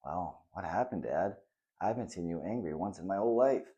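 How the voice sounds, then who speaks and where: A man reading the part of a sad, honest ten-year-old boy in a children's story, speaking gently and hesitantly. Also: deep voice, lively intonation, a little fast, muffled recording.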